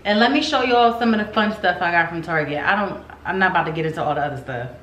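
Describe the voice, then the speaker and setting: A woman's voice: fairly low pitch, fast. Woman vlogger, super casual n slangy, drags out words, echoey room, slight background noise. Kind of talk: casual chatty vlog talk to viewers. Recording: roomy echo, some background noise.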